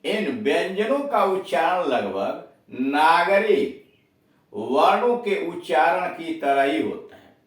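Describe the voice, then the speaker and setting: Brief: unhurried male tutor drilling pronunciation, distant mic in a very echoey room. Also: fairly high pitch, sing-song. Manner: slow, repeats example words with emphasis. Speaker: English teacher. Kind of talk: spoken pronunciation lesson.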